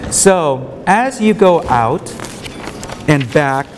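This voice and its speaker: Slow, emphatic man in a reverberant hall. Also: fairly high pitch, lively intonation. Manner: earnest, emphatic, repeats key points. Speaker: keynote speaker. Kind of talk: conference keynote lecture. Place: large hotel ballroom with seated audience. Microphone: podium microphone. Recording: reverberant hall, faint room noise.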